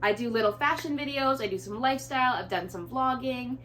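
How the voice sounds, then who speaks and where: A woman's voice: on the high side, a little fast, a bit bright, slight background noise. A woman in her twenties from Canada, talking earnestly and casually to camera with lots of "like" fillers as she gives life advice. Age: 20s. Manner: chatty and earnest, with frequent "like" fillers. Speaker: lifestyle creator.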